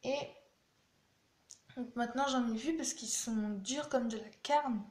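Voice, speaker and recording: A woman's voice: a little high, measured pace, a little mellow. A young woman vlogger chatting bluntly and animatedly through a casual beauty product review. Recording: echoey room with faint noise.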